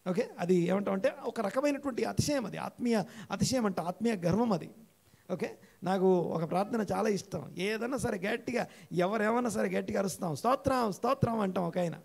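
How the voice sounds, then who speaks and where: A male pastor preaching an interactive sermon in a church, repeating key phrases, quizzing his listeners and slowing down to read scripture aloud. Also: creaky, a little mellow. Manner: slows and rises in pitch when reading scripture aloud. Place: church hall.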